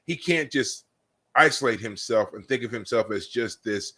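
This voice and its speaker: A man co-hosting a podcast, chatting casually and retelling scenes with lively exclamations. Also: medium pitch, moderate pace. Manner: animated storyteller, acts out scenes with loud exclamations. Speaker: podcast co-host. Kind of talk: casual chat. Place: live podcast recording.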